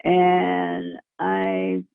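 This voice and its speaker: Creaky older woman on a narrow phone line. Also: lowish voice, monotone, dry recording. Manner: hesitant, halting. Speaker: scam victim receiving help. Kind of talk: casual phone conversation.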